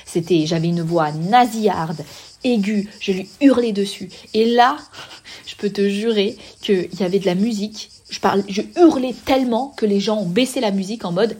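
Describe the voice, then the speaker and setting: A young woman tells a personal story on her podcast in a loose, animated, slang-filled way, constantly turning to address the listener. Her voice has a soft husky, breathy edge and sits at an ordinary middle pitch. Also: normal speed. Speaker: podcast host.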